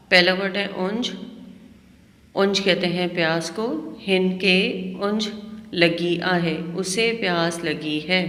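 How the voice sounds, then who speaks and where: Slow, patient woman teacher in echoey room. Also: fairly low pitch, fairly bright tone. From Pakistan. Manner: slow, patient, spells out words letter by letter. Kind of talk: classroom lesson reading words aloud. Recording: echoey room with long reverb.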